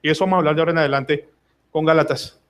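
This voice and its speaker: Pastor guy preaching at church, kinda high voice, acts out prayers and quotes, really emphatic. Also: steady tone, rapid-fire, clear, resonant tone. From Colombia. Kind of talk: sermon. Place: church service.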